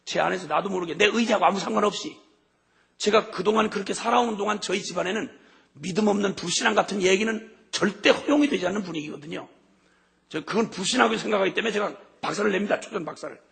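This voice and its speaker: A middle-aged man preaching a sermon with passion, his voice swinging from hushed to shouting. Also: high-pitched, fast talker, creaky, slightly rough. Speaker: missionary preacher.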